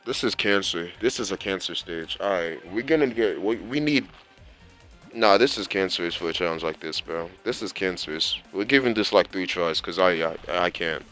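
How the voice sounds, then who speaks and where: A man's voice: low-pitched, animated, moderate pace, fairly bright tone. A young man giving casual, rambling gameplay commentary as a channel host, exasperated and slangy. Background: faint game music.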